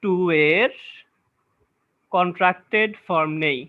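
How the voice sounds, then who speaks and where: A man's voice: sits high, takes it slowly. A man gives a classroom-style grammar lecture. He explains step by step and keeps asking whether his listeners follow. The recording is dull and lo-fi. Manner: explains step by step, often checks understanding with questions. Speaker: English grammar teacher.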